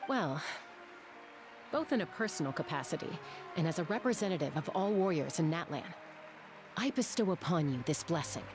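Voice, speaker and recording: A woman voicing a composed, earnest female warrior in a video game, speaking calmly and formally. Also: on the low side, moderate pace, lightly acted. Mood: solemn blessing. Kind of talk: animated video game voice acting. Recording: music behind the voice.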